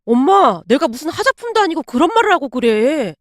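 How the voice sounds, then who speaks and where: A woman's voice: high voice, expressive, moderate pace, dry recording, clean studio sound. A woman voicing an exasperated young husband who protests indignantly.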